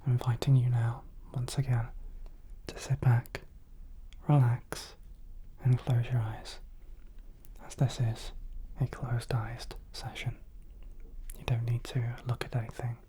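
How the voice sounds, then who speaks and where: A woman whispers a soothing clinical role-play close to the microphone. Her whispered role-play is dark and soft, with very little rise and fall. She takes her time with each phrase. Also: a bass voice, level tone, a little slow, slight background noise. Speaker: ASMR host playing a clinician.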